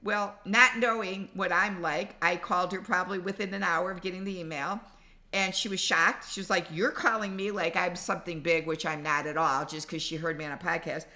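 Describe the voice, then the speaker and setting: Woman host, bright and tense tone, chatty, warmly introduces speakers. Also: lowish voice, steady tone, a little fast. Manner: chatty, enthusiastic. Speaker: conference host. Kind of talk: casual chat.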